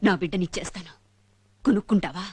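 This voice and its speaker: A woman's voice: on the low side, fast, close to an everyday voice. A woman playing a poor mother, tearful and pleading, over film music. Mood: anguished. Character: destitute young mother selling her son. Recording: film soundtrack with loud music.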